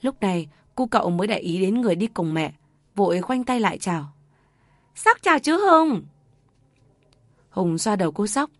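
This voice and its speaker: A woman narrating an audiobook story in a steady, measured way. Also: mid-range voice, no echo.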